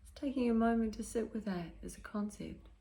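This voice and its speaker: This meditation guide is a woman with a fairly high-pitched voice who keeps her delivery calm, gentle and soothing. She speaks in short phrases with pauses between them, their endings turning breathy and soft.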